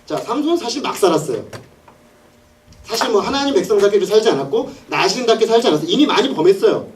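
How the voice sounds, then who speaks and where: A male pastor preaching an animated sermon, telling the story with laughs and acted-out scenes. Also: high-pitched, fast talker, recorded from a distance, a little hiss or hum.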